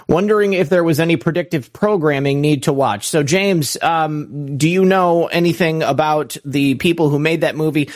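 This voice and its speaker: A man hosting a livestream talk show, chatting in an upbeat, rambling way. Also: a little high. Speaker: show host. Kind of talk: casual livestream chat.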